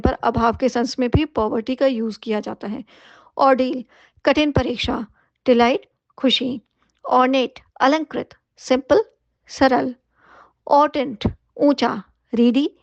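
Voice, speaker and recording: Female vocabulary teacher, high voice, steady methodical list reading, dry slightly dull recording. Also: no echo. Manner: steady, methodical word-by-word delivery with short asides. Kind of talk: reading out a word list with meanings.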